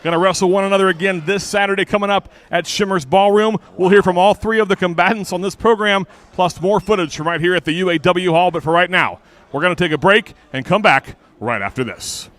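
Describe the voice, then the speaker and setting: A man with a high voice co-hosts a wrestling show. He recaps the matches and banters like one of the show's own personalities. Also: brisk, fairly bright tone.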